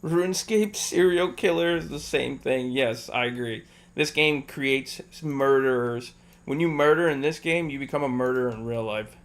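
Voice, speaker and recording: A man's voice: medium pitch, moderate pace. A man streaming a game and walking a friend through it step by step, patiently repeating instructions and joking between them. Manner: jokey, laughs between instructions. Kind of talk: casual gameplay livestream, coaching a friend.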